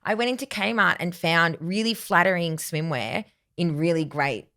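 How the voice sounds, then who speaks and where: Thirtyish Australian woman co-host, low voice, chatty storyteller who pokes fun at herself. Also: normal speed, sharp tone. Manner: chatty, storytelling, self-mocking. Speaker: podcast co-host. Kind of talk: casual chat.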